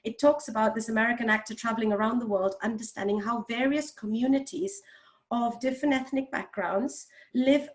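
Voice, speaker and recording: A woman's voice: fairly high pitch, fairly even intonation, brisk. A woman speaking on a video call panel in a hesitant way, with many fillers. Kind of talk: panel discussion.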